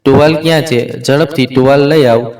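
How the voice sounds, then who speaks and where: A harsh, domineering young husband who barks orders and shouts in anger, as a male storyteller reads him. The voice sits at an ordinary middle pitch and sounds a little distant from the mic. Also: fairly even intonation, normal speed, lightly acted. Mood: angry.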